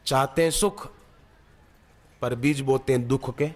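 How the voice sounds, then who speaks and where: A man's voice: medium pitch, fairly even intonation, unhurried, long reverb tail. A man preaching a devotional sermon, telling stories and driving his points home through repetition. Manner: storytelling, emphatic repetition. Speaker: spiritual preacher.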